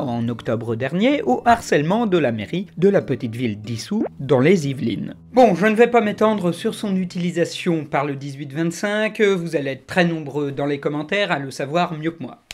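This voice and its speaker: A man hosting a web series, delivering scripted commentary at a quick clip with sarcastic asides. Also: a little high. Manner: rapid, animated delivery. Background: faint background music.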